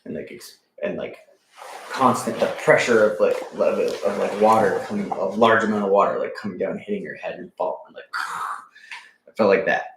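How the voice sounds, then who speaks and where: Low-voiced man fumbling for words. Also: echoey room, slight background noise. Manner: halting and searching for words, swears. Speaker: podcast co-host. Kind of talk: casual book discussion.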